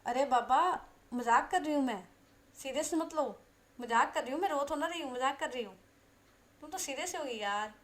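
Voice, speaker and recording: A woman voicing a playful, teasing young woman in a told love story, talking in an animated, mock-offended way. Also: high voice, normal speed. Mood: laughing off.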